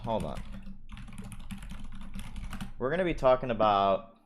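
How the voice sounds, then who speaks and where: A man co-hosting a casual gaming podcast, animated and teasing, sometimes acting out silly voices. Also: on the low side, slow, highs cut off, slight background noise. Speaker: podcast co-host. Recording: faint music bed behind.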